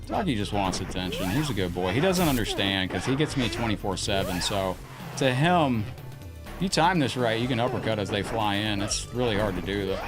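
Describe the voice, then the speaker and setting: A man hosting a live gaming stream, chatting casually with viewers as he plays at his desk at home. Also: fairly low pitch. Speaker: game streamer.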